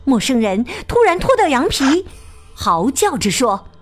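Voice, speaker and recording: A woman teacher reading a children's picture book aloud, expressive and sing-song with plenty of exclamations. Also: high-pitched, unhurried, faint music behind. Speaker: storyteller teacher.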